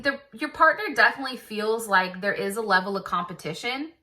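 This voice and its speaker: A woman's voice: fairly high pitch, bright, forceful tone. A woman giving a casual tarot reading, chatty and blunt, swearing freely and thinking aloud with lots of "like" and "I feel like". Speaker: tarot reader.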